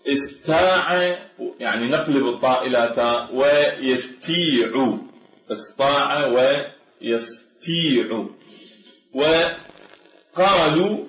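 A man delivers a measured academic lecture, pausing to carefully pronounce example words. The recording is roomy and echoey, with a dull, lo-fi tone. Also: mid-range voice. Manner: measured, explanatory, slows to sound out example words. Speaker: Arabic language lecturer.

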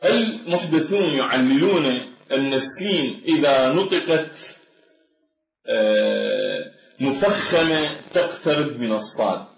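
A man giving an academic lecture on Arabic phonetics, measured and explanatory, slowing down to sound out example words. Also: medium pitch, expressive, vocal fry. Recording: echoey, dull lo-fi room recording.

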